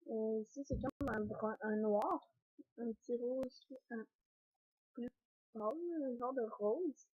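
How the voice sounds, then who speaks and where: A young woman with a Québécois accent talks casually through her beauty products, hesitant and full of fillers, often clearing her throat. Her voice sits a little high and husky. The recording is dull and lo-fi, like a home camera. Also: fairly even intonation, slow pace, darkish tone. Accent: Québécois French. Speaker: beauty vlogger. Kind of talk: casual unboxing vlog. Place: home, indoors by a sunny window.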